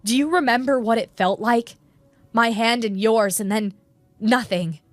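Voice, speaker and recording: A woman's voice: fairly high pitch, a little slow, no room sound, pitched above the performer's own voice, lightly acted. A woman voicing a shadow apparition that mimics a dead younger brother, speaking in an intimate, accusing, whispery way.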